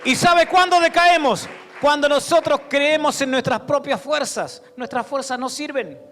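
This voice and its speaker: High-pitched Argentine pastor preaching. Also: male voice, a little slow, a faint crowd. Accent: Rioplatense Spanish. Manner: preaching, building to loud exhortation. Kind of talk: sermon. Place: church hall. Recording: long church hall reverb, faint music.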